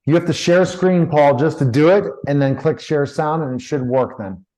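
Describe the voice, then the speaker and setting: A man's voice: fairly high pitch, normal speed, mellow, low-quality recording. A man hosting an online book launch. He moderates the call and walks people through steps. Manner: directive, guiding others step by step. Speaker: event host. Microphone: video call.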